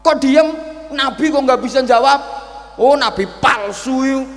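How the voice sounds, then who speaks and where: A preacher voicing an impatient, hot-tempered old man who scolds and demands answers in a shrill voice. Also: fairly even intonation, brisk, big-room sound, soft background music. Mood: angry.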